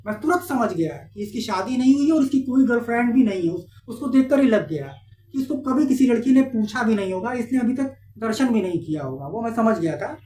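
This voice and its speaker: A man's voice: extremely high pitch, expressive, brisk, dark tone. A man vlogging in casual Hindi storytelling, talking straight to his viewers and retelling everyday quarrels. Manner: chatty, addresses viewers directly, retells arguments. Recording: roomy echo, distant mic, faint ambient noise.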